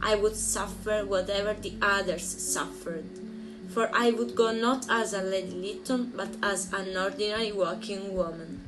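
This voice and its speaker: Woman acting out an earnest suffragette lady, emphatic storytelling, clear music bed behind. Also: mid-range voice, steady tone, normal speed, lightly acted, rough recording. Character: brave upper-class woman suffragette recalling her struggle. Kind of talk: historical drama acting.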